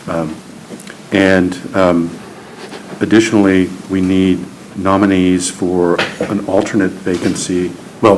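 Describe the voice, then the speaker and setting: A man advising a board meeting on procedure, measured and hesitant. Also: low-pitched. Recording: noisy meeting recording.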